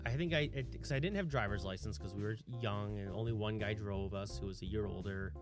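A man's voice: on the low side, a little fast, over music. A man in his thirties from Michigan, co-hosting a casual podcast chat and retelling stories with animation. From Michigan, USA. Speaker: podcast co-host.

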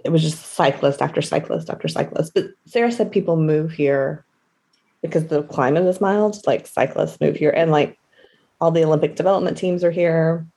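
A woman's voice: sits low, normal speed, gravelly, mellow. A woman chatting casually as a podcast co-host, rambling through anecdotes. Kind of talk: casual chat.

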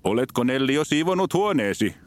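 A busy storybook father, hurried and a little exasperated but kind, lifted somewhat above the narrator's deep voice as a man acts him. He talks briskly, as if in the middle of chores. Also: big pitch swings, lightly acted. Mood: harried. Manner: hurried, sighing. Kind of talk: storybook character voice.

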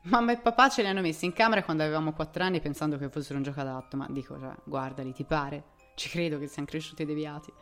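A brash, mocking brother with a slightly raised pitch, as a woman puts him on. He teases and jokes with an irreverent edge. His voice is lower than most women's but lifted for the part. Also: racing, few pauses, a bit bright, soft background music. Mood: indignant. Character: teasing adult younger brother, joking and irreverent.

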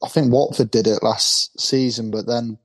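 A man's voice: mid-range voice, steady tone, moderate pace. A man co-hosting a football fan podcast, chatting casually and rambling, with repeated words and easy laughs.

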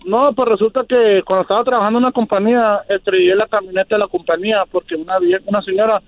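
Caller, man, halting, high voice on a tinny phone line. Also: fairly even intonation, no room sound. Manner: plain narrating, halting restarts. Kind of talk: phone call to radio show.

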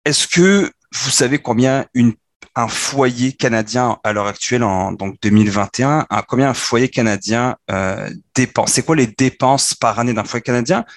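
A man in his thirties with a Québécois accent, casually explaining personal finance on a podcast with quick, animated restarts. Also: mid-range voice, no room sound. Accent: Québécois French.

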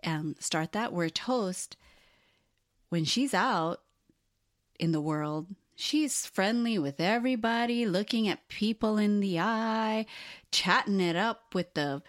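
A woman's voice: mid-range voice, takes it slowly, no room sound, studio quality. A woman from Hawaii co-hosting a podcast in casual chat, acting out voices as she tells stories. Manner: animated storyteller, acts out quoted voices. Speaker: podcast co-host.

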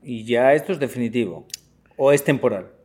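A man's voice: medium pitch, lively intonation, a little fast, a little mellow, slightly rough. A man interviewing a guest in casual conversation, asking short, curious questions.

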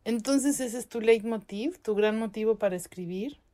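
A woman's voice: fairly high pitch, normal speed, dark tone. A woman interviewer asking curious, probing questions.

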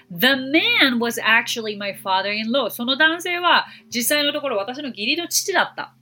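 A woman teaching English on a podcast, explaining and slowing down for examples. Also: on the high side, bright, forceful tone. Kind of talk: podcast lesson.

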